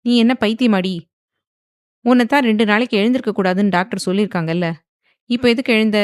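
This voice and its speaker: A woman voicing a forceful, possessive young husband who speaks in a stern, commanding way in a storybook. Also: medium pitch, brisk, no room sound, clean studio sound, natural voice.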